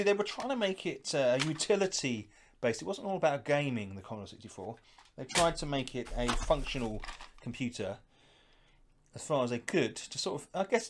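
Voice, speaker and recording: The host of a retro gaming unboxing channel, a middle-aged man, talks in a fairly high voice, with a little hiss or hum on the recording. He gives casual, unscripted commentary. As he handles items, he thinks out loud.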